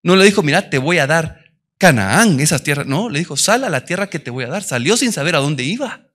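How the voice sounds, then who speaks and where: A man preaching in a church, telling stories and swinging from quiet talk to loud, emphatic preaching. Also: on the high side, expressive, brisk. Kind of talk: sermon.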